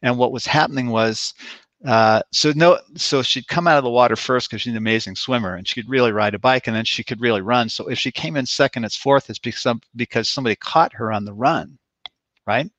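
A man's voice: mid-range voice, a little fast, a bit bright, dry recording. A man working as a sports performance coach, answering interview questions in a casual storytelling way with fillers and restarts.

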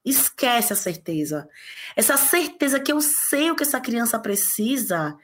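A woman from the interior of Bahia, speaking as a guest in an interview in an emphatic, passionate way with big pitch jumps. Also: very animated, measured pace. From interior of Bahia, Brazil. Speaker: guest, parenting author. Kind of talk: conversational interview.

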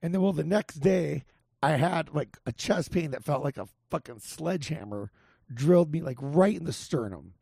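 Male podcast host, gravelly and hoarse, slightly high-pitched with creaky fry, chatting casually. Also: animated, normal speed, dark tone, no echo, clean studio sound. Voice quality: gravelly, raspy voice.

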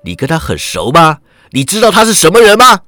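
A man's voice: a little high, huge pitch swings, fairly quick, pushed and bright, no room sound, full character voice. A man voicing a sneering captive warrior. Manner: cold mocking sneer. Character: fierce captive Jurchen warrior, sneering, defiant. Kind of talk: wuxia audiobook character voice.

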